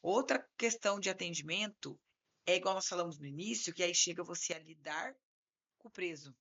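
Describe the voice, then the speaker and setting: Animated Brazilian woman lawyer telling a story. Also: fairly low pitch, a little fast. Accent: Brazilian Portuguese. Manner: animated, acts out both sides of a phone call. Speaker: criminal defense lawyer, podcast co-host. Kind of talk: casual podcast storytelling.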